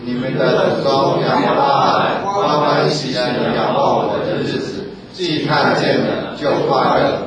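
A man from the congregation reading scripture aloud in a steady, plain way. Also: mid-range voice, measured pace, noisy background. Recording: echoey hall from far off, crowd behind.

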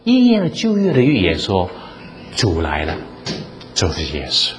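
A man preaching a sermon, animated, asking the room rhetorical questions and quoting scripture in dramatic voices. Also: deep voice, moderate pace, slight background noise. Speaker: pastor.

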